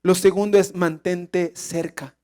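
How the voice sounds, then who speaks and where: A man preaches to his congregation in a notably high voice. He speaks with animated emphasis and keeps tossing out rhetorical questions for the church to answer. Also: measured pace. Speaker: pastor. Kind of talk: sermon.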